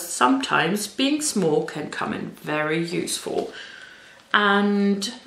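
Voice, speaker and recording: Chatty woman with a creaky, echoey sound. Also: lowish voice, a bit bright. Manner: chatty, informal, self-deprecating asides. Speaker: children's book reviewer. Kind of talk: casual vlog-style book recommendations. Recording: roomy, echoey indoor sound.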